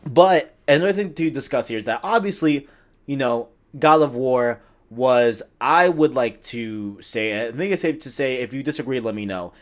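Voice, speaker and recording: Animated man on a gaming podcast. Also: medium pitch, moderate pace. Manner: animated, talks in long runs with many "like" and "right?". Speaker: podcast co-host. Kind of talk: casual gaming podcast chat.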